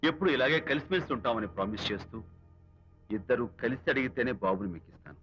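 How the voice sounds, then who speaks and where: Actor playing a bright, teasing young hero. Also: male voice, medium pitch, quick pace, natural voice. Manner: teasing, lively. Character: playful, good-hearted young man, loyal friend. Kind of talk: comic film dialogue. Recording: dull film audio with music.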